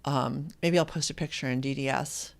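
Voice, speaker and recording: A host in their fifties, from Indiana, chatting casually on a live stream and reading viewer comments aloud, with frequent pauses and ums. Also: medium pitch, fairly even intonation, gravelly. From Indiana, USA. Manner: rambling and hesitant, with many ums, reads viewer comments aloud.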